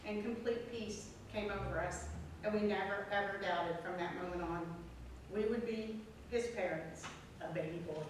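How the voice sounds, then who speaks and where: A woman telling her personal faith testimony as a guest speaker at a prayer group, earnest and storytelling, with emphatic pauses. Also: medium pitch. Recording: echoey room, mic far off, faint noise.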